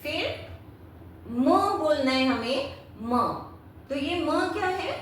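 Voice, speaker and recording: High, lively woman teacher in echoey room. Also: extremely slow. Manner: patient, repeats "ठीक है" and checks with questions. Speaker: Sanskrit teacher. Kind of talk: explaining at a whiteboard. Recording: very echoey room, mic far off, faint noise.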